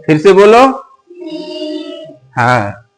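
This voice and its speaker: Guy w a high voice teaching arabic letters real slow, keeps asking and repeating. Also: very animated, faint music behind, poor audio. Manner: asks questions and repeats each letter slowly. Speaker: Quran reading teacher. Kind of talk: patient letter-by-letter lesson.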